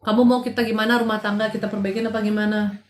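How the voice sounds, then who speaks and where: A woman's voice: medium pitch, level tone, racing, background noise. A middle-aged woman counseling live-stream viewers on their marriages in casual chat, direct and scolding by turns, sometimes dropping in English phrases. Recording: roomy echo.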